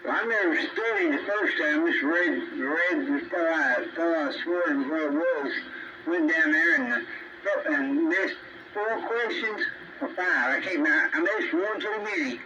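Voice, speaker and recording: Over a very noisy, muffled and distant two-way CB signal, a man with a Tennessee Southern drawl keeps up an informal, talkative radio chat. His high voice is sing-song and creaky, and he talks a little slowly.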